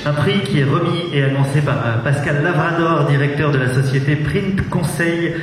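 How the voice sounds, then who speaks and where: A man's voice: a little high, moderate pace, distant mic, over music. A man hosting an awards ceremony, announcing prizes live. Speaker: ceremony host. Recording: echoey hall, loud crowd, heavy noise.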